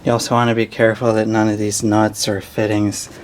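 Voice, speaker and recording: A man's voice: lowish voice, monotone, a little fast, a little hiss or hum. A man giving a plain, hands-on walkthrough of a repair, explaining as he works on an engine. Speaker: DIY mechanic. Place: working in a vehicle's engine bay.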